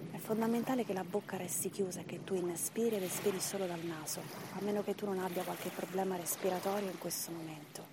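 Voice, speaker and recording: A woman leading a guided breathing meditation as instructor, in short measured phrases and counts with pauses between them. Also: lowish voice, steady tone, heavy background noise.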